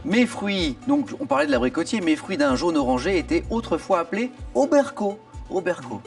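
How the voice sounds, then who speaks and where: A man's voice: sits high, moderate pace, creaky. A man hosting a television quiz show in a studio, reading clues theatrically and cheering contestants on. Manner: animated, theatrical, exclaiming. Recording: from a distance over music and audience. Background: theme music and studio audience.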